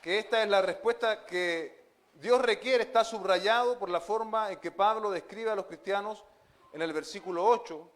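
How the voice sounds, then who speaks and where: A man's voice: high voice, normal speed, a bit bright. A male pastor delivering an expository sermon, earnest, with frequent fillers and amens.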